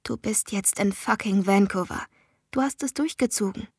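A woman voicing a fierce, blunt young female friend who swears and talks forcefully. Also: medium pitch, normal speed, slightly rough, no room sound, studio quality. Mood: insistent.

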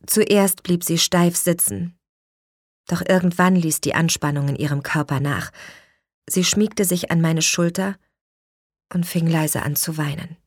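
A woman narrates a first-person audiobook in a low, husky voice. She tells the story vividly and voices the dialogue. The recording is close and dry. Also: unhurried, dry recording.

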